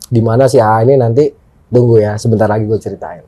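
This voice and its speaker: A man's voice: fairly low pitch, fast talker, no echo. A man telling a story in casual chat, acting out his friends' lines as he goes. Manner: animated, acts out friends' lines. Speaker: guest storyteller.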